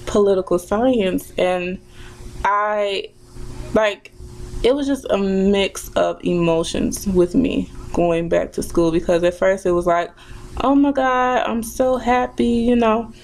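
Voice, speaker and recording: A woman's voice: medium pitch, slow pace, darkish tone, slight background noise, low-quality recording. A woman in her twenties chatting casually while doing her makeup, reflective and full of fillers and restarts. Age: 20s. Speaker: vlogger. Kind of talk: casual chat during a makeup tutorial.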